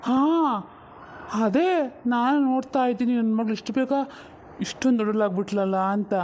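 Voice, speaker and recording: A woman's voice: fairly high pitch, moderate pace, dark tone, a little hiss or hum, close to an everyday voice. A woman playing a doting middle-aged father of the bride, sentimental about his grown daughters, in a home-made family drama.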